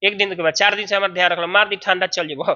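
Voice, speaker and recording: A man's voice: sits high, fairly even intonation, rapid-fire, sharp tone, highs cut off, voice pushed down. A man with a Bihari Hindi accent voicing a sick, feverish young male soldier who speaks weakly.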